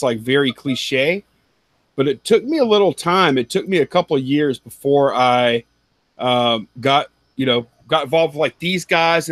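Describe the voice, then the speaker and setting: A man's voice: medium pitch, fairly bright tone, dry recording. A man in his thirties on a headset video call, giving advice in a rambling, self-correcting way and laughing often. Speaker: panelist, reseller. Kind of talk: casual video call chat. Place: home room with collectibles.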